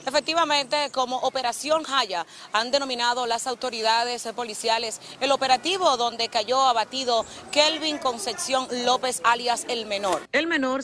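A woman's voice: a little high, a little hiss or hum. A woman in her thirties with a Dominican accent, giving a formal news field report outdoors into a handheld mic. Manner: steady formal news delivery. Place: outdoors on a street.

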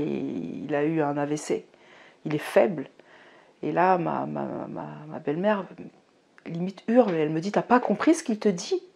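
Brief: young woman, low-pitched, emotional testimony, drops to a hush then rises fervently. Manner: emotional, swinging between hushed and fervent. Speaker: person giving a faith testimony. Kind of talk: personal testimony.

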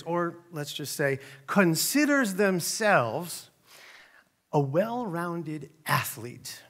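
A man's voice: fairly high pitch, fairly bright tone. A middle-aged man, a lead pastor, opening a sermon with jokey, self-deprecating stories and acted-out voices. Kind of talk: sermon with humorous storytelling.

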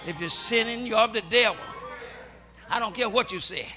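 A middle-aged man preaching a call-and-response sermon as bishop, chanting short phrases that rise to shouts. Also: high voice, moderate pace. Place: large church sanctuary with congregation. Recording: music and crowd noise from a church service.

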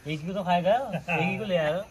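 A man hosting a camping vlog at night in a forest, bantering excitably with friends on a handheld camera. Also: sits high, brisk, a crowd in the background. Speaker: vlogger host. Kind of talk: casual camping vlog chat. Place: forest campsite at night, outdoors.

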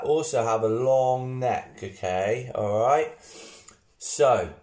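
Guy running a kids exercise class, talks slow and keeps asking okay all right, echoey room. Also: mid-range voice, darkish tone. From United Kingdom. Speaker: kids' PE instructor.

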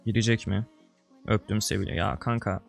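Excitable young man narrating gameplay. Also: fairly quick, creaky, soft background music. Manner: excitable, swinging between loud outbursts and low mutters; slangy, buddy-style address to viewers. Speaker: gaming video creator. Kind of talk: casual gameplay commentary.

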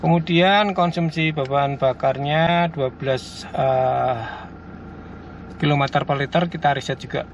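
A man's voice: fairly high pitch, a little slow. A man giving casual commentary while driving a car, chatting to his viewers as he goes. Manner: chatty, keeps addressing viewers as colleagues. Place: inside a moving car. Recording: slightly muffled, faint road noise.

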